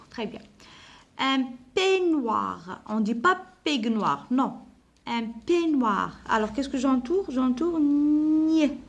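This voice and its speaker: A female primary school teacher explains a lesson to young pupils slowly and carefully, her voice pitched slightly high. She repeats each word several times, spelling out its letters and sounds. Occasionally she uses an Arabic word to clarify vocabulary.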